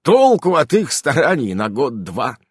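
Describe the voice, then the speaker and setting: A man reading an audiobook, voicing a wry, fastidious father who speaks in a dry, grudging way. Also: mid-range voice, wildly swooping pitch, slightly rough, no echo, voice pushed up, exaggerated voice. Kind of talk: audiobook character voice.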